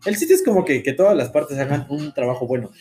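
A man's voice: fairly high pitch, fast talker, soft background music. A young man from Mexico with a Mexican Spanish accent, co-hosting a podcast in casual, profane chat. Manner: slangy, profane, excitable. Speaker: podcast co-host.

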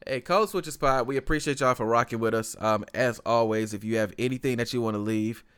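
A man's voice: medium pitch, brisk, fairly bright tone, clean tone. Man chatting casually as podcast host.

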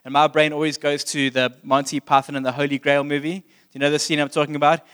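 A man's voice: fairly high pitch, flat delivery, fast, fairly bright tone, clean tone. A man delivering a sermon as pastor, speaking in a casual, plainspoken way and asking his listeners direct questions. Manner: conversational, plainspoken preaching.

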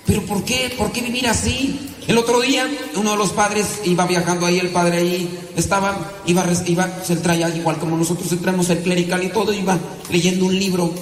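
A high-voiced Mexican priest preaching with a Mexican Spanish accent, asking rhetorical questions and laughing lightly between points. His voice rings through an echoey room with a long reverb tail. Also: a little hiss or hum. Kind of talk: sermon.

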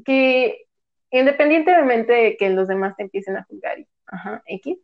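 A woman's voice: a little high, animated, moderate pace. A woman chatting casually, often tagging her sentences with "¿sabes?". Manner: chatty, peppers speech with "¿sabes?". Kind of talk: casual chat. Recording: slightly dull lo-fi audio.

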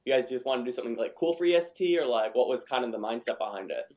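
A man's voice: mid-range voice, animated, racing, darkish tone. A man hosting a casual podcast interview, easygoing and encouraging, often repeating words as he thinks of the next question. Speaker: podcast host.

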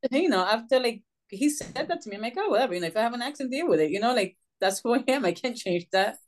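Fast and fairly high-pitched, a middle-aged woman from Puerto Rico shares her story in an interview, an animated social worker and author who performs the voices of those she quotes.

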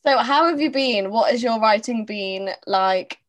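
A woman's voice: a little high, unhurried. A woman hosting a podcast, chatting casually in an upbeat, easy-laughing way. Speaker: podcast host.

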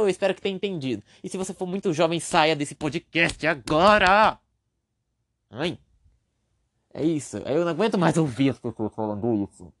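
A man's voice: a little high, darkish tone. A young man with a Brazilian Portuguese accent, talking on his own podcast, rambling casually with self-deprecating jokes. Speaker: podcast host. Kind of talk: casual solo podcast monologue.

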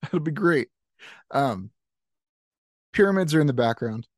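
A man's voice: fairly high pitch, expressive, unhurried, no room sound, clean studio sound. A man improvising a silly comic story with friends, laughing often and rambling through fillers.

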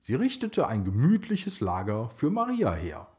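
A man narrating a children's story in a slow, expressive way. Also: medium pitch.

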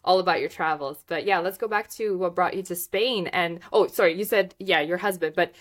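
Talking a little fast in a lowish voice, this podcast host is a Moldovan woman and native Russian speaker. She keeps the casual interview chatty, often hunting for words and leaning on fillers.

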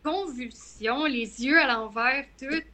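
Young quebec woman, high bright voice, casual chat, animated storytelling. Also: takes it slowly. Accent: Quebec French. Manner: animated storyteller, acts out quoted lines. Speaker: guest runner.

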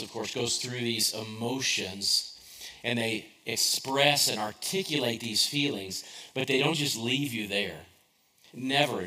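A middle-aged man delivers a sermon in an easy, conversational way. His voice is bright and forward. He tells stories with self-deprecating humor and keeps asking rhetorical questions. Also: on the low side, rough recording. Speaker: pastor.

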